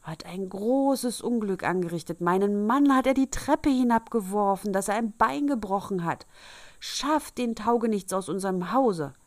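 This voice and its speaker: A woman voicing a frantic sexton's wife in a fairy tale reading, agitated and loud. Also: fairly low pitch, very animated, moderate pace, creaky, breathy edge, dry recording, exaggerated voice. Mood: outraged.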